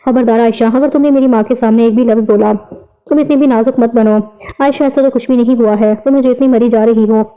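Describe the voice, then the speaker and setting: A woman's voice: fairly high pitch, fairly even intonation, mellow, clear, resonant tone, lightly acted, low-quality recording. A woman voicing a harsh, bullying young husband in a read-aloud story, snapping and threatening. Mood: angry.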